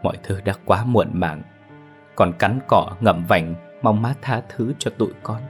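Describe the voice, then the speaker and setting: A man's voice: on the low side, moderate pace, faint music behind, natural voice. A man voicing a grieving grown daughter who begs her mother for forgiveness in a pleading, tearful voice.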